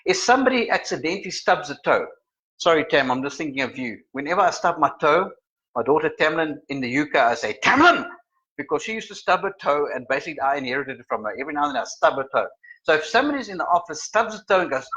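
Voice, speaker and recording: Middle-aged man, trainer type, bright and lively delivery, acts things out. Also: on the high side. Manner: animated, acts out examples in voices. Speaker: personality trainer. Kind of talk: live-streamed lesson. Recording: slightly muffled sound.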